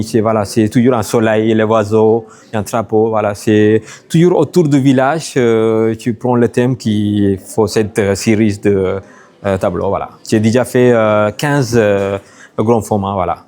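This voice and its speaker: Sri man in halting French. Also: mid-range voice, warm tone. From Sri Lanka. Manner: halting, broken French with many hesitations. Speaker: artist. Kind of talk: interview at an exhibition.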